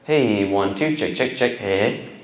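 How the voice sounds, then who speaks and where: A sound engineer vlogs about his setup and tests microphones, keeping the chat casual and laid-back. His voice sits on the low side and he speaks unhurriedly.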